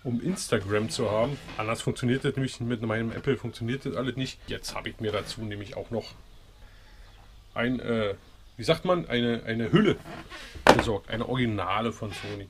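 A man's voice: medium pitch, normal speed, a little hiss or hum. A man in his thirties chatting casually to the camera as a family vlogger, recorded on a handheld action camera. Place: small room at home, car, kitchen. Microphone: action camera at arm's length.

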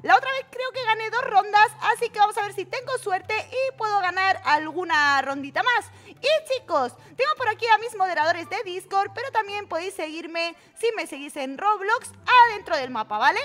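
A young woman with a Peninsular Spanish accent, giving excitable, giggly commentary while playing an online game, with game music in the background. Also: extremely high pitch, moderate pace. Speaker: gaming channel host. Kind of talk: casual Roblox gameplay commentary.

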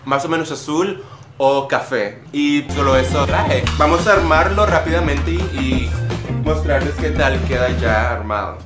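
Man vlogger, fairly high voice, playful and self-mocking, roomy echo with loud music behind. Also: a little slow. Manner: joking, self-mocking, rambling. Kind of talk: casual vlog unboxing. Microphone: phone camera.

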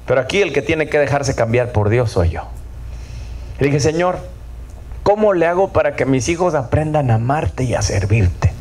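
A man's voice: mid-range voice, lively intonation, moderate pace, darkish tone, a little hiss or hum. A middle-aged man, preaching a sermon and often asking the audience for agreement. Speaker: pastor.

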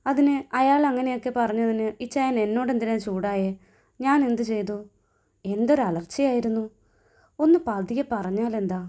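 A woman voicing a sharp-tongued young bride who is quick to sulk, speaking in an indignant way in a storybook reading. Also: a little high, lightly acted. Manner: indignant, pleading.

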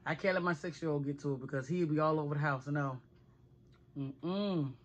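A woman vlogger reviewing candy at home in a relaxed, chatty way, laughing often. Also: low-pitched, normal speed, muffled recording, slight background noise. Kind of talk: casual chat. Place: home, at a table.

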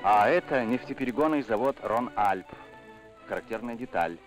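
A man's voice: mid-range voice, animated, normal speed. A man narrating a 1960s newsreel with a formal, declamatory announcer delivery, old newsreel sound. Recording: narration over loud music.

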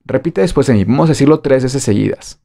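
A man's voice: medium pitch, animated, fast, gravelly, dark tone. A man with a Mexican Spanish accent teaching a beginner English lesson online, playful and jokey, drilling phrases by repetition.

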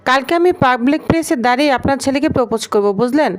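A woman's voice: high voice, fast talker, lightly acted. A woman voicing a bold, cheeky young woman in love who teases and talks back. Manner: teasing, brash, talks back.

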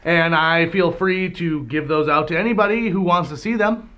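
A man's voice: on the high side, normal speed, sharp tone, muffled recording. A male radio DJ giving mock-serious, rambling non-answers in a comedy debate.

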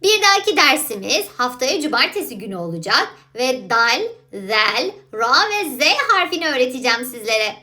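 A woman giving a children's alphabet lesson, sounding out letters slowly and thinking aloud in a playful, coaxing way. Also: fairly high pitch, sing-song, pushed and bright. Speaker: Quran alphabet teacher.

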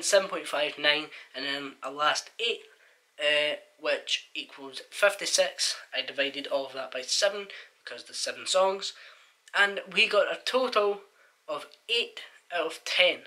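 Bright-voiced young man reacting to music. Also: on the high side. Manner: chatty, rates songs out loud with many fillers. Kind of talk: casual album reaction chat.

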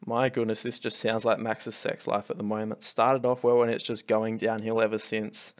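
A man's voice: on the low side, flat delivery, moderate pace. Exasperated man ranting over game replays. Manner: exasperated, ranting, swearing freely. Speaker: clan leader and channel host. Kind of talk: casual gameplay commentary over replays.

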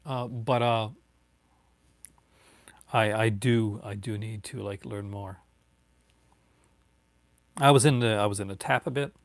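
Slow and steady, with a lowish voice, frequent pauses, and no room sound, a man in his forties answers viewer chat. He's a Newfoundland YouTuber with a light accent who streams live from an indoor home room with bookshelves, and he wanders through casual talk with many fillers and restarts.

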